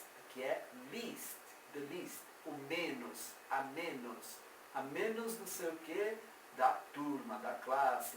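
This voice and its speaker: A man, teaching English grammar in a slow, drawn-out way and repeating each example. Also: mid-range voice. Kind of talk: explaining grammar at a board. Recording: echoey room from far off, faint noise.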